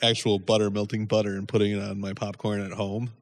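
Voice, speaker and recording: A man's voice: lowish voice, fast talker. A man co-hosting a casual podcast, telling stories animatedly and laughing as he goes. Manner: animated storyteller, laughs mid-sentence. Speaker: podcast co-host. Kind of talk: casual chat.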